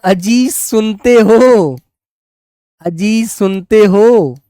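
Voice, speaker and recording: A nagging wife calls out to her husband in a slightly raised, drawn-out voice, as a male teacher acts her out for his class. The sound is dry and close. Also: high voice, mellow, no room sound. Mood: calling out.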